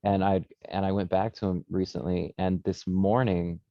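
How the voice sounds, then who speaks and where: A man co-hosting a podcast, telling stories in a casual, animated way with lots of fillers and swearing. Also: deep voice, moderate pace, dry recording, dull audio. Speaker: podcast co-host. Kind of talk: casual chat.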